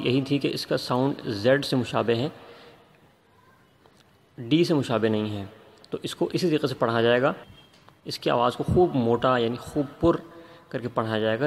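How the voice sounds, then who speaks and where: Patient male tajweed teacher. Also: medium pitch. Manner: patient, repetitive explaining with drawn-out letter demonstrations. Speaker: Quran recitation teacher. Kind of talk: tajweed lesson.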